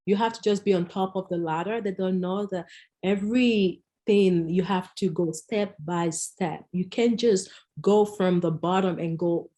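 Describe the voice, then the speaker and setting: A woman's voice: lowish voice, measured pace, warm tone. A woman from Nigeria, co-hosting a podcast in casual chat, telling stories emphatically and laughing often. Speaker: podcast co-host.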